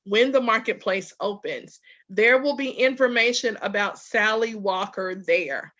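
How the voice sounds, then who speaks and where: A woman with a Southern US accent and a middle-pitched voice talks informally to her followers. She is emphatic, builds repeated lists and keeps checking that listeners follow. The sound is dull and lo-fi, like online audio. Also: a little slow, a bit bright. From Louisiana, USA. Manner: emphatic, repetitive lists, checks in with "okay" and "right". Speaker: spiritual group facilitator and host. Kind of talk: informal promotional talk to followers.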